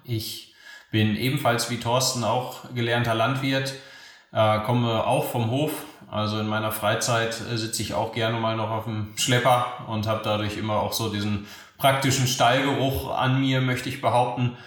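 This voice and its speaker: A man's voice: medium pitch, little pitch movement, normal speed, a bit bright. A man working as an agricultural advisor, introducing himself casually with many fillers. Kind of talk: podcast interview. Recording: very echoey room.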